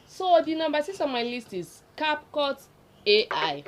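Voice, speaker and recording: High-pitched and sing-song, this Nigerian-accented woman speaks unhurriedly over slight background noise. In a casual, unscripted list-style tutorial, she talks to viewers directly and repeats key points.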